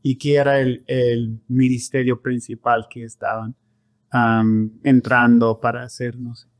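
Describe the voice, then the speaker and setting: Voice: mid-range voice, flat delivery, a little slow. A podcast host casually interviewing guests and prompting them with questions. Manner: prompting questions with brief acknowledgments.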